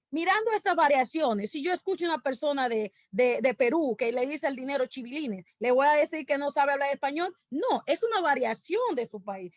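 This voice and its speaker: A woman's voice: high-pitched, dry recording. A woman with a Dominican accent presenting an academic conference talk over a video call, explaining her points through lists of examples. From Dominican Republic.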